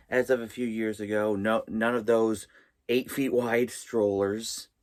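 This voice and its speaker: Slow, low-voiced man vlogging inside a small trailer. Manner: halting, with pauses mid-sentence. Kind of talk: vlog presenting, tips and top-five countdown.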